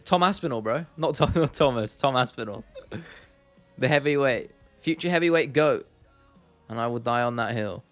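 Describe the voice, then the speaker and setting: Speaking at a normal speed in a mid-range voice with no echo, a man hosts a casual livestream. His informal, laddish banter with viewers leans on repeated phrases for emphasis, and faint music and keyboard clicking can be heard.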